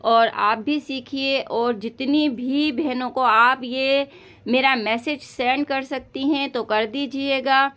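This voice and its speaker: Slow, high, bright-voiced woman teacher. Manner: patient, repeats "theek hai" often, recites verses slowly and stretched. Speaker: Quran recitation teacher. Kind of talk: online recitation lesson.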